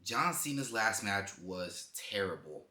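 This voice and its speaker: A man's voice: lowish voice, very animated, unhurried, pushed and bright. A young man ranting to camera about wrestling, heated and profane, with lots of emphasis. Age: young adult. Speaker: wrestling commentary vlogger. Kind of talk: opinionated rant to camera. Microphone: camera mic. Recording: echoey room.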